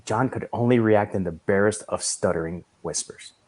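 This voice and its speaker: A man reading a story aloud in a measured storytelling manner. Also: lowish voice, darkish tone, slightly rough. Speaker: reader.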